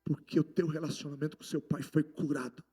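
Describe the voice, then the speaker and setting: Husky-voiced impassioned Brazilian preacher. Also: male voice, fairly high pitch, little pitch movement, a little fast. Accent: Brazilian Portuguese. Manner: passionate, swings from loud to hushed. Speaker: apostle preaching. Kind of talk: sermon.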